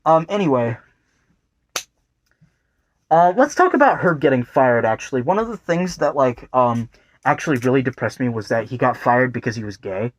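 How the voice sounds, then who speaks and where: A man's voice: medium pitch, expressive, moderate pace, no room sound. A young man talking casually in a rambling video commentary, full of fillers and swearing. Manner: rambling, lots of fillers and profanity. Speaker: video essay host. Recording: faint guitar music behind.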